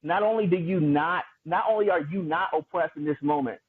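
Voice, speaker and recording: A man's voice: a little high, fairly quick, slightly rough. A man arguing in an online debate, argumentative and sarcastic. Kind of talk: heated debate. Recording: tinny phone-like call audio.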